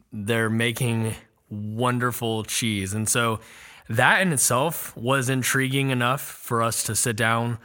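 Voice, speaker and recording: A man's voice: mid-range voice, sharp tone. A man hosting an interview, introducing the guest with curiosity and enthusiasm. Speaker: podcast host. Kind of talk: casual interview conversation.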